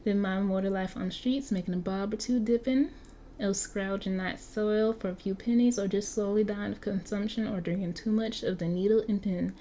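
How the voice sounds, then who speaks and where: A woman's voice: mid-range voice, steady tone, moderate pace, warm tone, slight background noise, close to an everyday voice. A woman with a Southern US accent voicing a cocky, slangy vampire who has been stuck looking nineteen for over a century, while reading an interactive story aloud. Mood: flippant. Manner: chatty, flippant, slangy. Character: cocky young-looking vampire, century-old street kid.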